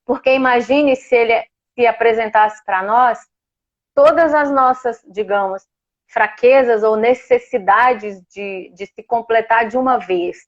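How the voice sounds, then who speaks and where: A guest's personal story comes through heartfelt and emotional, with occasional laughter, in a woman's slightly high, unhurried voice with a Brazilian Portuguese accent. The audio sounds dull.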